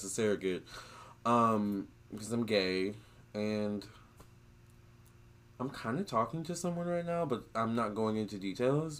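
Chatty man with gushing exclamations. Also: on the low side. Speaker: vlogger relaying a spirit's words. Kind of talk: casual monologue to camera.

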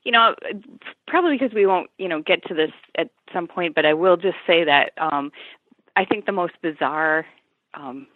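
Woman, author guest, low voice, dry tinny phone line, chatty with fillers. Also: expressive, moderate pace, no echo. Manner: chatty, with many fillers and restarts. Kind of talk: casual interview talk.

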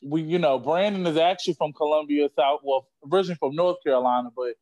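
A man's voice: fairly high pitch, fast talker, darkish tone, lo-fi sound. A man co-hosting a casual podcast chat, laid-back and playful, with lots of "you know" fillers. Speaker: podcast co-host.

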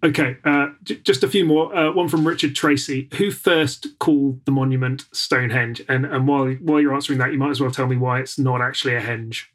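A man hosting an interview, reading out listener questions in a relaxed and slightly hesitant way. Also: medium pitch, a little fast, hardly any pauses.

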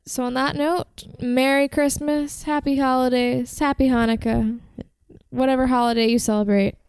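A woman co-hosting a music podcast in casual chat, chatty and enthusiastic, slightly hoarse from talking. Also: sits high, fairly even intonation, moderate pace, darkish tone, dry recording. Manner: chatty, filler-heavy, enthusiastic about bands. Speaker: podcast co-host.

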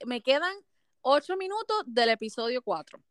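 A woman trades casual podcast banter, chatty and slipping into English now and then. Her voice is fairly high, and the sound is dry and close. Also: sing-song, normal speed, a bit bright, no echo. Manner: chatty, code-switches into English, laughs along. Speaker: podcast co-host. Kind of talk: casual chat.

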